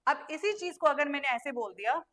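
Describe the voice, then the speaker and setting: A young female teacher with a high, bright voice runs an online grammar lesson. She fires questions at her students and answers them herself, and she draws letters out one at a time as she spells. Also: expressive, a little fast.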